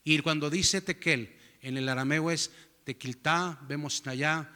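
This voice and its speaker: A man's voice: a little high, measured pace, bright, forceful tone, smooth, long reverb tail. A male pastor giving a sermon in a church, often asking the congregation rhetorical questions to keep them following. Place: church sanctuary.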